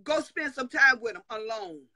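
On a live video call picked up by her webcam, a middle-aged woman hosts a prophetic talk stream from an indoor room at home. Her slightly high voice is bright and forceful, with lively intonation and a moderate pace, as she preaches fierily through emphatic declarations and call-and-response asides. The audio has no room sound and a clean, studio-like quality.

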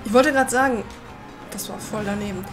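A woman's voice: medium pitch, fairly quick. A woman game streamer chatting casually while she plays live. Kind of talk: casual live gameplay chat. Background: game music.

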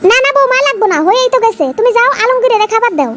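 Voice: very fast, noisy background. A performer voicing an older, strict mother-in-law in a cartoon, firm and dismissive. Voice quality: high squeaky cartoon pitch. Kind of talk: cartoon voice acting.

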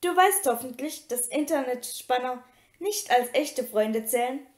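Shrill, sneering teen stepsister girl in a storybook reading, high and loud, as a woman reader plays her. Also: lively intonation, unhurried. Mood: scornful shrieking. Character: mean shrieking teenage stepsister girl. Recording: roomy echo.

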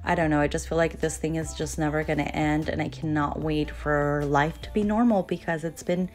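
A woman's voice: low voice, steady tone, brisk. A young woman chatting casually with her viewers in a cleaning vlog voice-over, speaking straight to them. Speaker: cleaning vlogger. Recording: background music.

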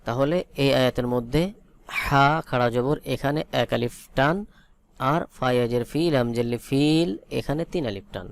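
A man from Bangladesh with a Bangladeshi Bengali accent, teaching Quran reading by spelling each letter and vowel mark, then reciting the words slowly. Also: mid-range voice, dry recording. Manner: slow, drawn-out syllable-by-syllable spelling with chanted recitation.

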